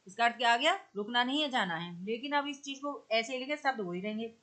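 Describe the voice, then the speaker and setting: A woman teacher explaining grammar step by step, reciting verse lines slowly and drawing them out. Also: on the high side, lively intonation, fairly bright tone. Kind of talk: exam-prep grammar lesson.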